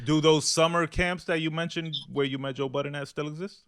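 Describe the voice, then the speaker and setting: A man's voice: fairly high pitch, brisk, no echo, clean studio sound. Chill guy hosting a podcast, always agreeing, drops a curse here and there. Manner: relaxed, agreeable, frequent affirmations and mild swearing. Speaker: podcast host. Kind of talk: casual interview chat.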